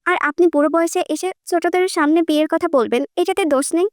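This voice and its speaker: A woman's voice: very high-pitched, quick pace, no echo, clean studio sound. A woman voicing a cheeky, mischievous young woman who mocks her elders. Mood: mocking. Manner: mocking, cheeky.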